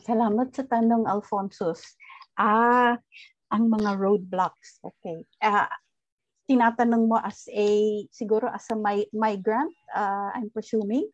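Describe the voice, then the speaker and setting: A woman's voice: mid-range voice, steady tone, slow, no room sound, lo-fi sound. A woman from the Philippines, a former teacher, answering audience questions in an online forum and switching between Tagalog and English as she thinks aloud. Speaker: guest speaker, former teacher.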